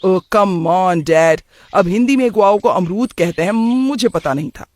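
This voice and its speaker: A carefree young son in a cartoon story, voiced by a man, who speaks in a casual, dismissive, slangy way. The voice is on the high side. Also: expressive, unhurried, darkish tone. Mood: breezy. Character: young man, office worker, careless English-mixing son. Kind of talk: cartoon voice acting.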